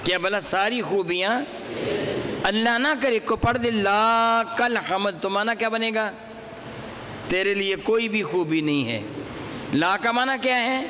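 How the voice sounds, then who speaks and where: A man teaching a Quran recitation class, chanting example verses slowly and quizzing his students. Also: high voice, animated, big-room sound, noisy background. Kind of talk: classroom religious lesson on recitation.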